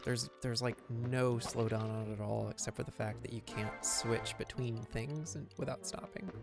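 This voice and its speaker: A man's voice: mid-range voice, fairly even intonation, moderate pace, loud music behind the voice. A man chatting casually as he streams a video game playthrough. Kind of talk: casual live playthrough chat.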